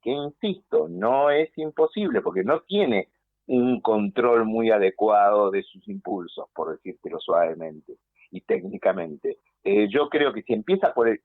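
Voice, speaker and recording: A man with an Argentine accent, a political consultant speaking by phone in an animated, analytical way on a radio interview. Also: mid-range voice, dry recording. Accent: Argentine Spanish. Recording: tinny dry phone line.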